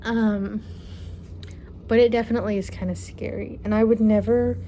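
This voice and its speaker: A woman in her twenties from Kentucky answering viewer questions in a casual vlog, relaxed and chatty, thinking aloud with fillers, recorded on her phone at home. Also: fairly high pitch, normal speed, a little hiss or hum. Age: 20s. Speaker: vlogger. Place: her apartment, indoors. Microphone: phone camera.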